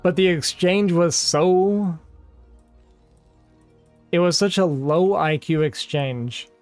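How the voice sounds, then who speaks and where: This man streams games and talks casually to viewers in a high-pitched, darkish voice, taking it slowly. He's rambling and exasperated, leaning heavily on "like," with faint music in the background.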